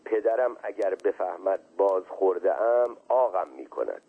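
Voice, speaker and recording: A man voicing an eager, evasive young male servant in a husky voice, heard as a tinny radio reading. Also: low-pitched, lively intonation, full character voice. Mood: fearful. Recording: tinny phone-like radio sound.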